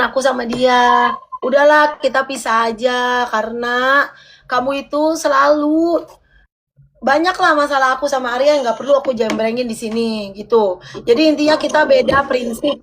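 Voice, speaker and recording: A woman's voice: high-pitched, fairly bright tone, a little hiss or hum. A woman arguing heatedly on a livestream, scolding and repeating her demands over and over. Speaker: livestream co-host.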